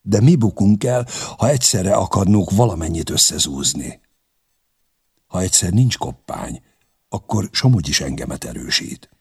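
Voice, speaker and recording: A man voicing a stern, measured young king, grave and commanding, with a gravelly, husky voice. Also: low voice, expressive, darkish tone, exaggerated voice.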